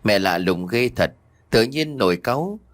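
A grown, rowdy son in an audio story, played by a male narrator. He grumbles, puzzled and resentful, in a lively, everyday voice. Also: on the low side, moderate pace, close to an everyday voice. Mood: complaining. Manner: complaining.

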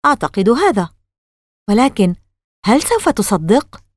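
A woman voicing a worried young girl who speaks earnestly and tensely, trying to stay calm. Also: on the high side, measured pace, no echo, clean studio sound.

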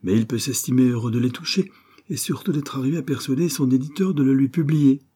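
A man voicing an ailing, cynical male poet who speaks with sardonic, emphatic outbursts in a husky voice. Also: mid-range voice, fast talker, warm tone, voice pushed up, close to an everyday voice.

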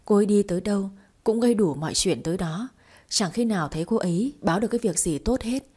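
A woman narrating a romance audiobook in a steady, lightly expressive way. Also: medium pitch, fast, husky. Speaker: storyteller.

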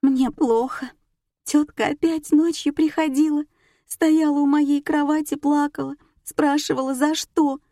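A woman reading an audiobook, voicing a frightened teenage girl who sobs with guilt in a high, strained voice. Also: steady tone, a little slow, mellow, no room sound, studio quality. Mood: sobbing guilt.

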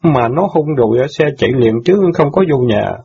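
A heartbroken street newspaper boy full of grievances, voiced by a man in an audiobook drama. His voice is dark, husky and gravelly, with bitter outbursts. The recording is dull and lo-fi. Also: mid-range voice, animated, moderate pace. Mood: aggrieved.

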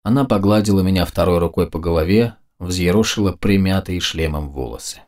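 A man narrating a first-person fantasy audiobook in a measured, even way. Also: deep voice.

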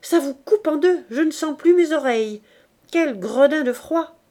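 A woman's voice: sits high, moderate pace, a little mellow, voice pushed up, close to an everyday voice. A woman reading aloud voices a chatty neighbor woman who exclaims in a raised voice. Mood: exclaiming.

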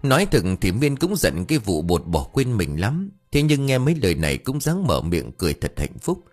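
A man narrating a ghost story audiobook with lively storytelling, voicing all the characters himself. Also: mid-range voice, moderate pace, husky, soft background music. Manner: animated storytelling, voices every character himself.

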